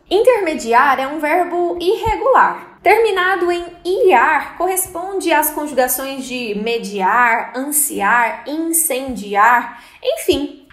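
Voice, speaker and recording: A woman teaching a grammar lesson in a methodical way, slowing down to recite each verb form in turn. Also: high-pitched, a bit bright. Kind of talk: explanatory lesson on verb conjugation. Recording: roomy echo.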